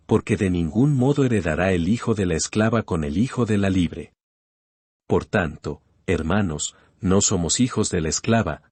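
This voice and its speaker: Deep, husky man in booming biblical narration. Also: darkish tone, dry recording. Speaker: Bible narrator. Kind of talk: scripted scripture narration.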